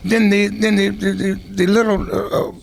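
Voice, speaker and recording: An older man with a raised pitch and a gravelly edge spins long anecdotes for an interviewer. He rambles, restarts and adds asides as he reminisces. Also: level tone, normal speed. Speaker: veteran musician guest.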